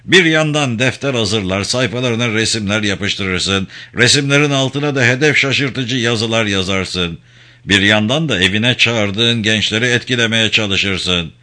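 A man's voice: on the low side, a little slow, sharp tone. A man voicing a cunning male intelligence interrogator who coaxes and threatens in a raised, persuasive voice in a story reading. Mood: coaxing, menacing. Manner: smooth persuasive pressure, raised voice.

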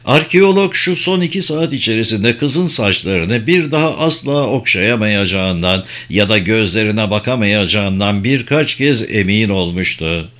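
A man's voice: on the low side, expressive, unhurried, hardly any pauses, a bit bright. Man narrating an audiobook evenly. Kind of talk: scripted narration.

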